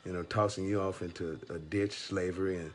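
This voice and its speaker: A man giving casual, rambling spiritual encouragement to one listener. He uses plain everyday wording, stops and restarts often, fills pauses with "you know", and chuckles as he talks. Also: low-pitched, fairly even intonation. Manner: rambling and halting, with constant "you know" fillers; chuckles through his stories. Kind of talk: casual faith talk addressed to one listener.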